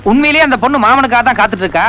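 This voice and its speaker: Curious newcomer, rapid bright delivery, high voice. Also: male voice, expressive, a little hiss or hum, heavily acted, poor audio. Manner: brisk, questioning. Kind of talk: Tamil film acting.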